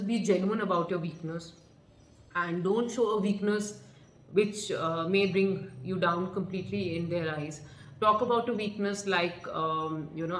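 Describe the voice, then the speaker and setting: A woman's voice: medium pitch, fairly bright tone. A woman with an Indian accent giving an explanatory coaching talk as a pageant coach, earnest and instructive, repeating points for emphasis. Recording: roomy echo.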